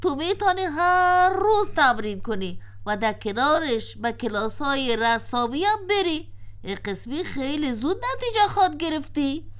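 A woman's voice: high voice, sing-song. A woman voicing a patient, kindly cooking-pot character who reassures and advises a friend, with an Afghan Dari accent. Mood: advising. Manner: reassuring, gently instructive. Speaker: cartoon character. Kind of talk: children's cartoon voice acting.

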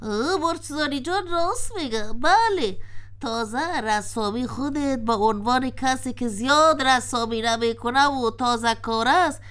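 A woman's voice: sits high, smooth. A woman voicing a patient, kindly cooking-pot character who reassures and advises a friend, with an Afghan Dari accent. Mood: comforting. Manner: reassuring, gently instructive. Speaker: cartoon character. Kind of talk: children's cartoon voice acting.

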